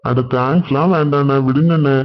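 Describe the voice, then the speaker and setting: Man voicing a kind devout father in a cartoon, calm, reassuring, fairly high voice, dull lo-fi sound. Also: fairly quick, natural voice. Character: gentle, devout poor father.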